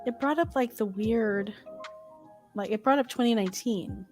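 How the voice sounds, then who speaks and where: A woman's voice: fairly high pitch, normal speed, a little mellow, faint music behind. A woman co-hosting a casual podcast, playful and giggly as she chats and reads aloud. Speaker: podcast co-host. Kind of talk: casual chat.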